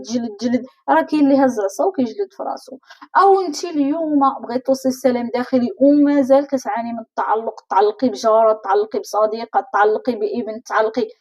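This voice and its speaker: A woman with a Moroccan Arabic accent gives a motivational coaching talk at a very fast clip. Her voice sits high and swings widely in pitch. She speaks straight to the listener and keeps asking rhetorical questions. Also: warm tone. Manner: addresses the listener directly, many rhetorical questions. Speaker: life coach.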